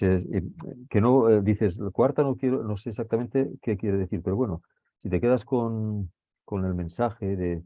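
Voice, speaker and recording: A low, mellow male voice explains a reading to his students, stopping often to ask whether they follow. The sound is dry and a little dull, like a lo-fi classroom recording. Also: no room sound. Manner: checks understanding with frequent tag questions. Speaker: teacher.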